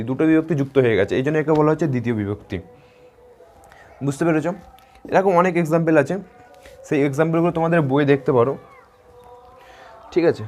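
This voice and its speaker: Slow, repetitive teacher man. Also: a little high, darkish tone. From West Bengal. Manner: asks questions and answers them himself, repeats words slowly; encouraging, addresses students directly. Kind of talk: classroom grammar lesson.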